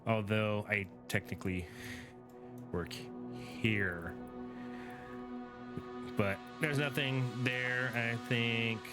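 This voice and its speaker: A tired young man with a fairly low voice chats his way through a game stream, rambling and thinking aloud. Game music plays clearly behind him. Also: steady tone, extremely slow, pauses often. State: tired, yawning. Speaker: gaming streamer. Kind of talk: casual gameplay commentary.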